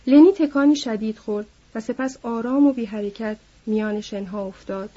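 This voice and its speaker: Woman narrator, measured somber audiobook reading, husky mellow voice, dull lo-fi. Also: a little high. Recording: dull lo-fi recording.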